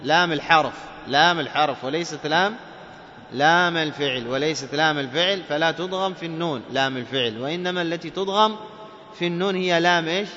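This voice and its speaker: Man, recitation teacher, bright forceful voice, fairly high, long reverb, dull lo-fi sound. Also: a little hiss or hum. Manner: explains rules with quizzing questions, then chants examples slowly. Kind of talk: tajweed lesson.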